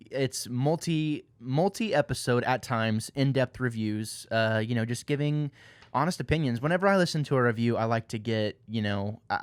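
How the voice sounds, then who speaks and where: A man's voice: medium pitch, smooth, dry recording. A man hosting a casual gaming podcast, talking in a rambling, friendly way with lots of fillers. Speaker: podcast host.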